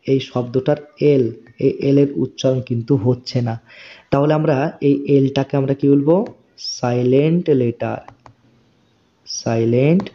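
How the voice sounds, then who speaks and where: A man teaching spoken English as a lesson, slowly repeating each phrase and explaining it word by word. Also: medium pitch. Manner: slow, deliberate repetition of phrases with word-by-word explanation. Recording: dull, lo-fi recording.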